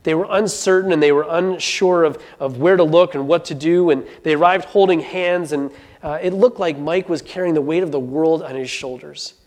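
A man's voice: on the high side, normal speed, a little mellow. A man telling a story to an audience in an earnest way, often restarting and repeating words. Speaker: speaker. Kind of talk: storytelling talk.

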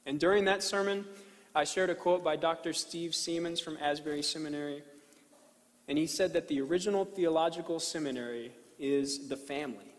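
Higher-voiced male pastor in a reverberant hall. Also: steady tone. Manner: deliberate, with repeated phrases and pauses. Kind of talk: sermon with scripture reading. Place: large reverberant room, speaking to a congregation.

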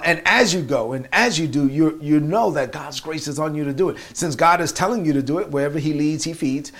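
A man with a Brooklyn New York accent preaching a motivational sermon, emphatically repeating key phrases and rhymes. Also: on the high side.

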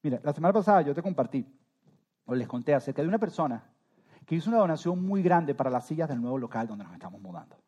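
A man preaching a sermon with a fairly high but mellow, warm voice. His delivery swings between loud emphatic rises and soft trailing endings. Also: sing-song, quick pace. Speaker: pastor.

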